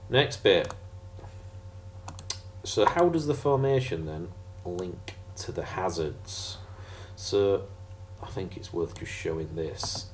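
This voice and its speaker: A man's voice: low-pitched, lively intonation, slow pace, long pauses, a little hiss or hum. A man teaching a casual geography revision lesson over slides, chatty and jokey with sarcastic asides.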